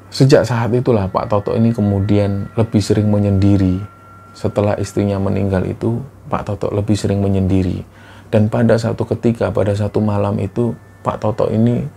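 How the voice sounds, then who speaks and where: A man's voice: lowish voice, vocal fry, warm tone, slight background noise. A man narrating a horror story in an earnest, repetitive way.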